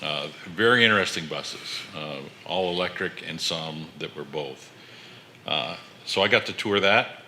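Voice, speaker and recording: A man giving his trustee report at a college board meeting, with many pauses and fillers. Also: low-pitched, sharp tone, a little hiss or hum. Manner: loose, filler-heavy report.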